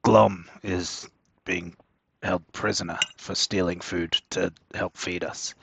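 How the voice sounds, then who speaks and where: Hushed goblin commoner played by the game master, low and bright-toned, secretive. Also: male voice, fairly even intonation, slow, creaky, a little hiss or hum, full character voice. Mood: worried. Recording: dull lo-fi dry mic.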